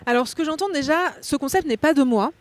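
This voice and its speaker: Speaking fast in a high voice with no room sound, a guest philosopher unpacks ideas at length on a cultural talk show. She is a Belgian-born woman raised in France, articulate and academic in manner. The recording takes place in a hotel meeting room.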